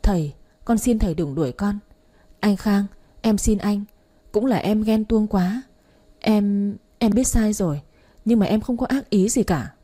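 A woman's voice: mid-range voice, unhurried, mellow, natural voice. A woman reading the part of a desperate daughter-in-law who pleads tearfully for mercy. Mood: begging.

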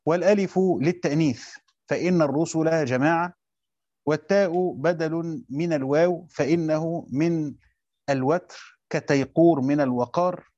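A man with an Egyptian Arabic accent teaching a classroom lesson, quizzing his students and repeating his points slowly. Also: fairly high pitch, warm tone, no room sound, muffled recording. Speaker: teacher of Quran commentary.

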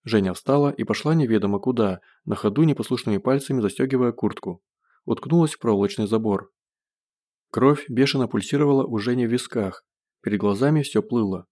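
A man narrating an audiobook in a steady, measured reading. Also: medium pitch.

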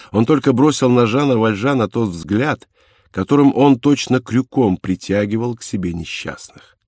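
A man narrating a classic novel in a measured, grave storytelling manner. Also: lowish voice, darkish tone, no room sound, clean studio sound. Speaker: audiobook narrator. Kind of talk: dramatic literary narration.

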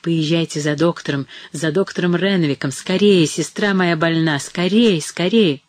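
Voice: medium pitch, moderate pace, a little mellow, no room sound, natural voice. A reader voicing a young woman who pleads and calls out urgently over her dying sister in an audiobook. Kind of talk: audiobook reading.

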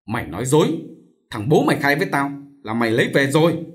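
A man's voice: mid-range voice, sing-song, fast, close to an everyday voice. A man playing a brutal, furious husband who snarls bullying threats.

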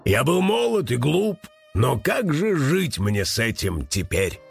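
A man's voice: fairly high pitch, huge pitch swings, moderate pace, gravelly, fairly bright tone, breathy edge, faint music behind, exaggerated voice. A man reading a storybook aloud and voicing a sentimental, forgetful old male raven who is a musician, with a theatrical manner. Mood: wistful. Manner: theatrical, sighing, dramatic outbursts.

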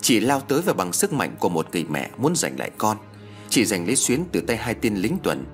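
A man narrating a ghost story in a dramatic, expressive reading. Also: fairly low pitch, brisk. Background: faint background music.

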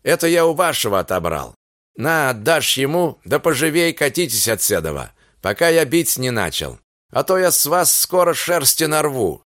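A man voicing a tough, calm Cossack officer who speaks curtly and with quiet menace in an audiobook. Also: medium pitch, normal speed, no room sound, studio quality. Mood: stern. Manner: curt, cool, menacing.

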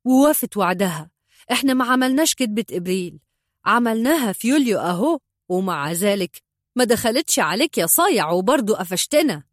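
A cheeky young Egyptian man, rattling off jokes at a fast, lively clip, as a woman narrator puts him on. The reading is close and dry. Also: mid-range voice, dry recording, close to an everyday voice. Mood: teasing. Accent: Egyptian Arabic. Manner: teasing, quick and laughing. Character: joking young man, the wife's brother.

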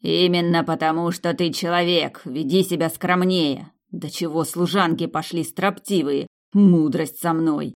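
Woman as a gruff, domineering male tavern owner; barking, scornful storybook villain. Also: fairly low pitch, fairly even intonation, a little slow, few pauses. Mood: lecturing.

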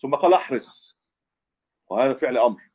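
A man's voice: medium pitch, animated, brisk, darkish tone, slightly rough. A man teaching a religious lesson as a scholar, explaining hadith and often restating and correcting himself. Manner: explanatory, repeats and restates points, self-corrects. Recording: dull lo-fi recording.

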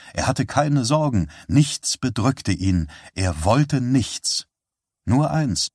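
Low-voiced male audiobook narrator. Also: no room sound, studio quality. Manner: calm, measured reading. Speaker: audiobook reader. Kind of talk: scripted narration.

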